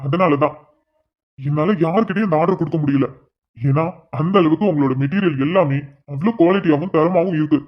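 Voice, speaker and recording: Man doing a fast-talking flattering businessman. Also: on the high side, lightly acted. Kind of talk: cartoon voice acting. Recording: dull lo-fi sound.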